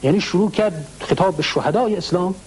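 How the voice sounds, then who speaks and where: A man, a religious scholar, explaining historical accounts in answer to a question, often clearing his throat and slowing down to recite Arabic quotations. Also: high-pitched, a little mellow, poor audio.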